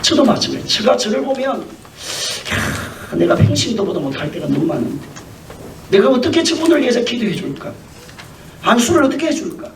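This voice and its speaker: A man's voice: extremely high pitch, big pitch swings, moderate pace, distant mic, noisy background. A male pastor preaching a dramatic sermon in a church sanctuary, often asking questions of the congregation. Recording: echoey church hall, mic from afar.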